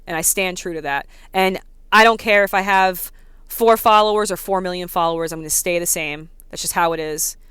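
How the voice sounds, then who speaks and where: A woman in her thirties with a New York accent, ranting casually to her vlog audience, talking fast and packing her speech with "like" and "you know.". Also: on the low side, steady tone, a bit bright, clear, resonant tone, dry recording. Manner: fast, filler-heavy talk with many "like"s and "you know"s. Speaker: vlogger. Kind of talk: casual rant to camera.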